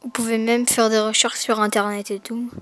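A woman's voice: fairly high pitch, flat delivery, normal speed, a bit bright, dry recording, faint music behind. A woman recording a casual unboxing narration through a gaming headset mic, talking hesitantly with many fillers and self-corrections. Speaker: gaming video maker.

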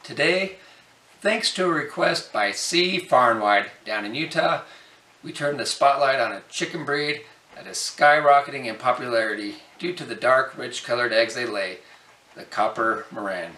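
A middle-aged man hosting a farm channel, reading a scripted explainer to the camera in a steady delivery. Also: medium pitch, moderate pace. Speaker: host. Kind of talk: scripted informational narration. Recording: echoey, distant from the mic.

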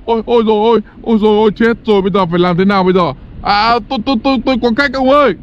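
A man's voice: sits high, normal speed, highs cut off, close to an everyday voice. A man playing a greedy male demon with a milk-tea cup for a head, gloating and pleading in a comedy skit. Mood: panicky pleading.

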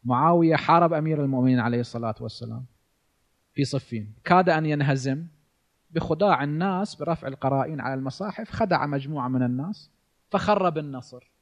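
Iraqi cleric in his forties, slightly high. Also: a little mellow, highs cut off. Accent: Iraqi Arabic. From Iraq. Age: 40s. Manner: rhetorical questions answered himself. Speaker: cleric lecturer. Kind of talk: religious lecture.

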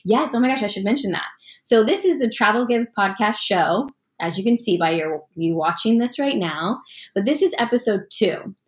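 A young woman hosts a relaxed podcast chat in a home living room. She is bubbly and quick to laugh, heaping praise on her guest in an easy conversational tone at an ordinary pitch. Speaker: podcast host. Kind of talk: casual video podcast conversation.

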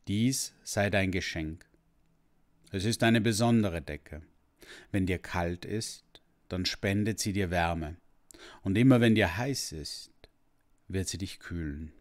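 A deep, rumbling old dragon from a storybook, voiced by a man reading aloud. He talks slowly, solemn and fatherly, patient with a child who disappointed him. The voice stays low and measured. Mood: gentle. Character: ancient wise male sun dragon, kind and patient.

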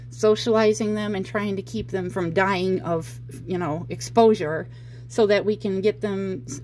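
A woman talks casually through a personal grievance in a medium-pitched voice. She explains haltingly and sounds put out. It is a handheld home recording with some noise behind her. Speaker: vlogger telling a personal story. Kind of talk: casual personal vlog storytelling.

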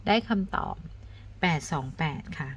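A woman teacher talking students through arithmetic step by step, counting aloud and adding soft polite particles. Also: unhurried, muffled recording, slight background noise. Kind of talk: step-by-step math lesson.

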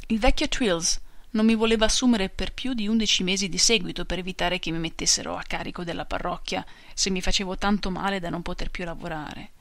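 A woman's voice: on the low side, steady tone, a little fast, a bit bright, no echo. A woman voicing a very old, touchy male maltster who tallies his years emphatically, read from a storybook. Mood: boastful.

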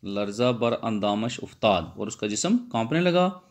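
A man's voice: on the low side, lively intonation, moderate pace. A man, a Persian lecturer, reads a Persian text phrase by phrase and explains each one again in simple words. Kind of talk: line-by-line text explanation lesson.

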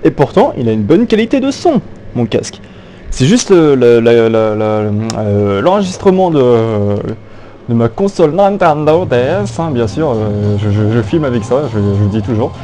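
A man's voice: mid-range voice, sing-song, normal speed, mellow, slight background noise. A young man giving casual, jokey gameplay commentary through an old phone headset, rambling with many fillers and restarts. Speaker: gaming YouTuber.

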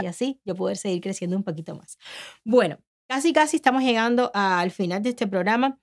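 A woman hosting an interview podcast, speaking reflectively in long, winding sentences. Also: medium pitch. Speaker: podcast host.

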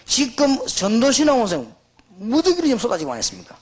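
A middle-aged man, a pastor, preaching a sermon in an emphatic, exhorting manner, with animated storytelling. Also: very high-pitched, fast.

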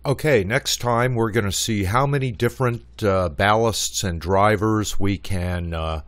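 Deep-voiced guy doing a slow screen tutorial voice-over, kinda hesitant, lots of uhs. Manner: plainspoken, hesitant with frequent uh fillers. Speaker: channel host. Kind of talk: screen-recorded tutorial narration.

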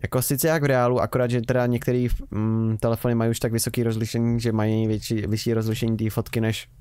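A man's voice: mid-range voice, level tone, darkish tone, smooth, no echo. A young man giving rambling, casual commentary while playing a game, with wry remarks. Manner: chatty, rambling, wry self-mocking remarks. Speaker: Let's Play host.

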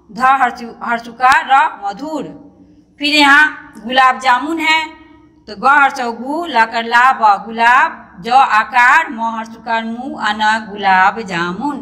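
A woman's voice: high-pitched, pushed and bright, big-room sound. A woman teaching young children an online lesson, patiently breaking words into syllables and sounding each one out, often calling the pupil "beta". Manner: calls the pupil "beta" fondly.

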